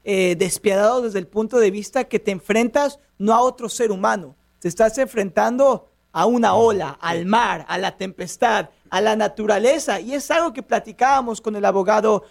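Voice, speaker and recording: A male radio host with a notably high voice and a gravelly edge. He speaks with upbeat announcer energy from the studio. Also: normal speed, few pauses. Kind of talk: radio interview hosting.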